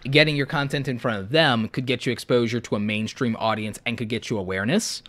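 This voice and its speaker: A man with a medium-pitched, fairly bright voice talks fast while hosting a live YouTube stream of Q&A and channel reviews. Ill and losing his voice, he thinks aloud, peppers his speech with ums, and offers straightforward advice.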